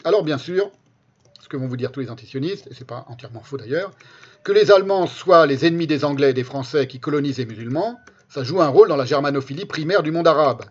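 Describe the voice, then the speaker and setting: A man with a somewhat high-pitched voice reads quotations aloud as a commentator. He stresses key phrases by repeating them and slips into spoken asides. The sound is dull and lo-fi. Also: expressive, fast, breathy edge. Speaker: commentator presenting a history book.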